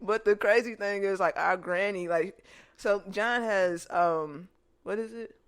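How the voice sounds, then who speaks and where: A woman hosting a podcast, telling childhood stories in a casual, animated way and laughing often. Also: mid-range voice, measured pace, smooth. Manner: animated, joking storytelling with lots of laughter. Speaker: podcast host. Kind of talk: casual chat, reminiscing.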